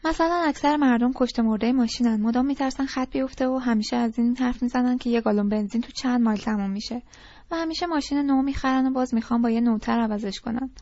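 Woman voicing a disgruntled teen boy, rambling, fairly high voice, lo-fi audiobook sound. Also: warm tone, close to an everyday voice. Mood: ranting. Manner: rambling and pleading. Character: restless, disgruntled teenage boy pouring out complaints. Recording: dull lo-fi recording.

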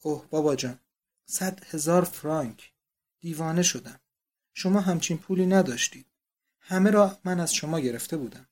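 A man's voice: a little high, darkish tone, lightly acted. A man reading the part of a distraught young countess pleading and confessing to her father.

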